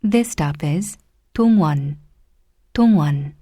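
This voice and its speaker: A woman reading a prerecorded train station announcement in a slow, deliberate, formal manner. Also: deep voice, animated, dark tone, no room sound, studio quality. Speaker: subway announcer.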